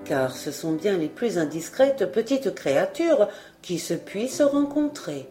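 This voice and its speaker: A woman reading a fairy tale aloud as an audiobook narrator, calm and measured. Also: medium pitch, soft background music. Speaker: audiobook reader.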